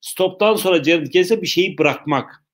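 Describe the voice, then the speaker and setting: A man teaching English in a live online lesson, explaining slowly, repeating himself and joking with viewers' questions. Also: sits high.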